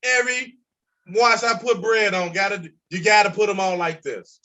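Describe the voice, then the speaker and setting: A man's voice: high-pitched, normal speed, dull audio. A man in his forties from Chicago, an insurance broker guest talking casually and emphatically on a podcast, swearing freely. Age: 40s. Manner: emphatic, profane, animated storytelling.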